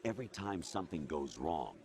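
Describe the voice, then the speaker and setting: An actor playing a cold, domineering male AI overseer who lectures in a calm, condescending voice. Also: rumbling low, a little fast, noisy background, heavily acted. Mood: coldly lecturing. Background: loud game soundtrack.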